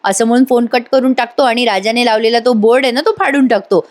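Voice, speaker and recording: A woman narrating a voice-over recap of a TV serial, talking straight to her viewers in a chatty way. Her voice sits fairly high. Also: quick pace, darkish tone. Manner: chatty, addresses viewers directly. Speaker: serial reviewer. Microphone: voice-over studio mic.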